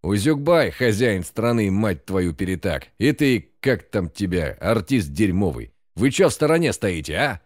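A man voicing a drunk, brutal man leading a lynch mob, shouting and cursing in a menacing way. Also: fairly low pitch, animated, measured pace, no echo, studio quality. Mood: furious. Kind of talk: audiobook character voice.

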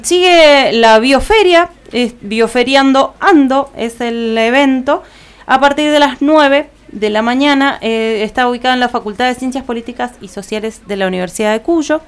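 This smooth, fairly high female voice belongs to a community radio co-host with an Argentine Spanish accent. Speaking from a radio studio, she goes through the week's event listings, full of "eh" fillers and self-corrections.

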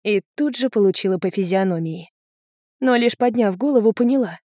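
Woman audiobook narrator, calm and even, first-person story, dry close sound. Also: medium pitch, a little fast, dry recording.

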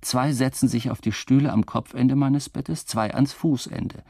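An actor in a radio drama speaking a wry, rambling, drunkenly philosophical first-person monologue in a gravelly, husky voice. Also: male voice, mid-range voice, steady tone, measured pace, dark tone, no echo, clean studio sound. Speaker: narrator and protagonist.

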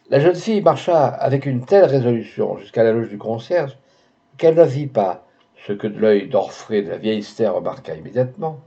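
A man reading a novel aloud in an even, measured narration. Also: mid-range voice, highs cut off. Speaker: audiobook reader.

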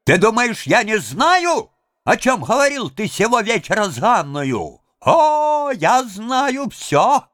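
Разъярённая пожилая сельская баба, которую изображает мужчина-чтец, визгливо и протяжно бранится. Голос взлетает высоко, фразы тянет медленно, с напором. Запись сухая, без эха. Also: male voice, sing-song, a bit bright, dry recording, clean studio sound, exaggerated voice. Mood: furious scolding. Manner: shrill scolding, drawn-out accusing words. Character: furious older village woman, sharp-tongued.

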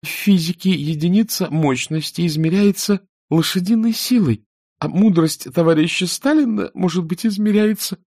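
A man voicing a gentle, bewildered middle-aged wife who talks softly and patiently. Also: high voice, moderate pace, dry recording, studio quality, pitched above the performer's own voice. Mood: soothing. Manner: soft, soothing, patient.

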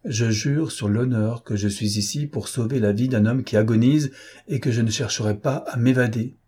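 A man voicing a cool, ironic gentleman thief who gives imperious orders in an audiobook. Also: mid-range voice, normal speed, breathy edge, natural voice. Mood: commanding. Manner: imperious, calmly mocking orders. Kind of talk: audiobook character reading.

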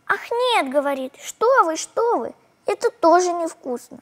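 A woman's voice: very high-pitched, lively intonation, normal speed, fairly bright tone, long reverb tail, voice pushed up. A woman voicing a tiny, timid creature girl who eats nails, with a thin, shy, sniffly little voice, in a storybook reading. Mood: shy, pleading.

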